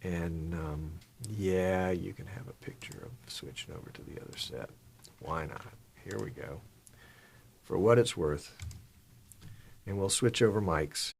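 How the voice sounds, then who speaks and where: Gravelly, slow-talking middle-aged male host. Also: deep voice, a little hiss or hum. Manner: rambling, mutters to himself while working the software. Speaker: live-stream show host. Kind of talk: casual live-stream chat. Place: small broadcast studio.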